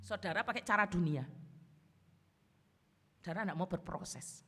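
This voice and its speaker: A woman pastor with an East Javanese accent, preaching a sermon in lively storytelling style, mimicking the people she talks about. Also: on the low side, measured pace, husky. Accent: East Javanese Indonesian. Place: church sanctuary. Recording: long church hall reverb.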